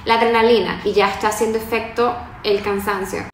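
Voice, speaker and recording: In a steady, mid-range voice that runs a little fast, a young woman chats bubbly and laughing to her phone as she moves into an empty apartment. The arm's-length phone captures echoey indoor rooms, music beneath her voice and slight background noise.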